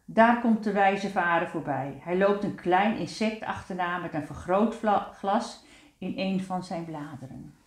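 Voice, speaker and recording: Woman reading a kids storybook, slow and gentle, echoey room. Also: lowish voice. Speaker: storybook reader. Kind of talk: children's story narration.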